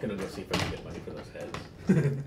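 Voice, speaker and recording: A man's voice: low-pitched, big pitch swings, quick pace, recorded from a distance. A man playing a tabletop role-playing game, joking and swearing casually as a player. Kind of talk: casual chat at a gaming table. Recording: roomy, off-mic, with noticeable background noise.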